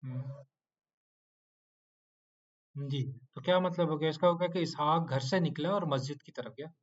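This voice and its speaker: A man's voice: a little high, unhurried, muffled recording. A man teaching an online Quranic Arabic class, quizzing students with short prompts and playfully scolding them to do their homework.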